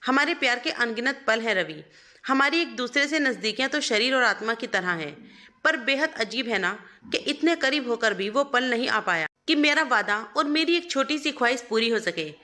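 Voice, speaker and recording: A hurt young wife pours out a tender, pleading letter, read by a woman narrator. The voice is high and bright, with a gentle storybook delivery. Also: expressive, moderate pace. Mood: tender, sorrowful.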